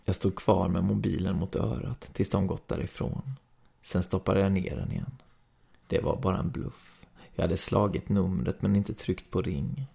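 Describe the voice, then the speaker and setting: Give me a Swedish man calmly reading a story aloud, husky and low-pitched. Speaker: podcast reader.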